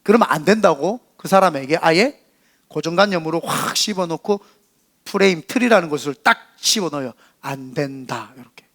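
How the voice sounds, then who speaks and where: A man's voice: high voice, lively intonation, fairly quick, fairly bright tone. A middle-aged male pastor preaching a sermon with passion, acting out the voices of mockers and of encouragers. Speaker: senior pastor. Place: church sanctuary.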